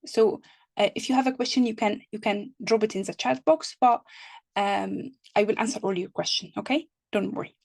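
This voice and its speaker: A woman's voice: mid-range voice, normal speed, gravelly, a little mellow. A woman tutoring an online exam-prep session, repeating and restarting words, with reassuring asides.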